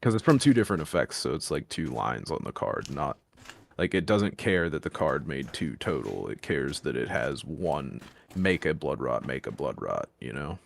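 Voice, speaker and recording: A man's voice: a bass voice, sing-song, moderate pace, creaky, a little hiss or hum. An American man in casual chat, explaining things in detail and pressing his point. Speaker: podcast co-host. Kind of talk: casual chat about card games.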